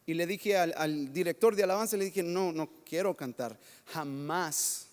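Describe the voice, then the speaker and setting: High-voiced pastor in a reverberant church. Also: male voice, normal speed. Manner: lively, self-mocking storytelling with laughs. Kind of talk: sermon with personal stories. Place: church sanctuary.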